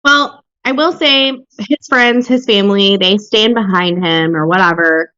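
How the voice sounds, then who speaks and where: A woman hosting a casual true crime podcast chat, blunt and quick to swear. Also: medium pitch, sharp tone, dry recording, dull audio. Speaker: podcast host.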